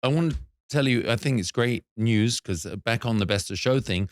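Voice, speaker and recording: A man's voice: mid-range voice, moderate pace, no room sound. A man hosting a talk show in a studio, speaking in an earnest and reflective way. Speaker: show host. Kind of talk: casual interview chat.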